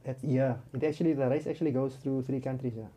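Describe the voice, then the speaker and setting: A man's voice: medium pitch, fairly even intonation, fast, dark tone, a little hiss or hum. A man with a South African accent chatting casually as an interview guest, often rounding off statements with a "yeah". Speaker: podcast guest, amateur runner.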